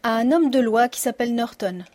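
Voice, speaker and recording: A woman reading a cool, measured detective. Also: on the high side, a little mellow, natural voice. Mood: calm. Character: calm clever male detective. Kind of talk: audiobook reading.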